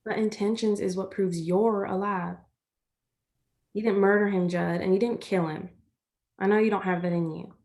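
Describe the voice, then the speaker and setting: In a stage play reading, an actress with a steady, mid-range, slightly mellow natural voice speaks at a moderate pace. Her character, a loyal young country woman, is reassuring and plain-spoken, working through her reasoning in an earnest, folksy manner.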